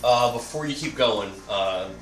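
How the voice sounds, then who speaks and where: A man's voice: medium pitch, measured pace, roomy sound, distant mic. A man casually narrating a tabletop game as game master, off-mic with music behind him.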